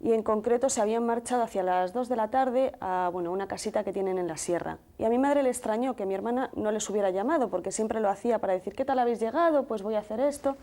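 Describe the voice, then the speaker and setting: A woman in her thirties with a Madrid Spanish accent, a TV interview guest calmly recounting events in detail with quoted dialogue. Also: on the high side, fast talker, few pauses. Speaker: guest, sister of the deceased. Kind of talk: emotional first-person account in a TV interview.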